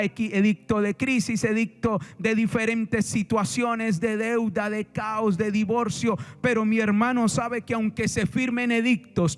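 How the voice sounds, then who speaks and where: A man with a Colombian Caribbean Spanish accent, preaching a sermon as pastor, emphatic, repeating lines and asking the congregation questions. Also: sits high.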